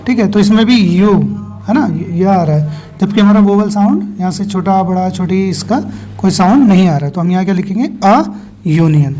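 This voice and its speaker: A man teaching a grammar lesson. He asks his students questions, answers them himself, spells out sounds slowly and keeps checking that everyone is following. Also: sits high, a little mellow. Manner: keeps checking understanding with frequent "okay". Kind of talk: explaining English grammar lesson.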